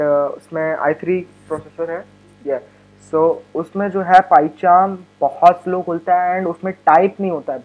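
A man's voice: fairly high pitch, darkish tone. A young man with an Indian accent giving a casual, chatty coding tutorial, with many fillers and restarts. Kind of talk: casual screen-recorded tech tutorial.

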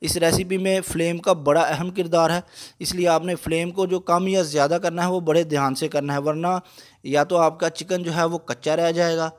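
A man with a slightly raised voice walks through a recipe. He talks calmly and patiently, pausing on small fillers as he explains each step. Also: a little high. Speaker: cooking channel host. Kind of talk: step-by-step cooking instruction.

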